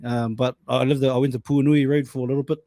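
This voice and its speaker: A young man with a New Zealand accent hosting a podcast, relaxed and slangy in casual chat. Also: mid-range voice, fast talker, no room sound, clean studio sound. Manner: relaxed slangy, laughs easily. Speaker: podcast host.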